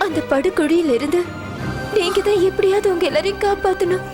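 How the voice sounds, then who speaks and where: A woman's voice: extremely high pitch, fairly quick, music in the background. An actress dubbing a despairing young woman who speaks in a pleading, tearful way. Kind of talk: Tamil film dub. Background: film score.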